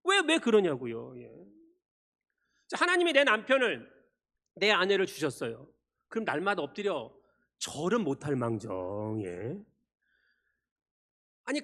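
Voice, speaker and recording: A male pastor preaching a Sunday sermon, firing rhetorical questions at the congregation and swinging between loud emphasis and quiet asides. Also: on the high side. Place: church sanctuary. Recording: long church reverb.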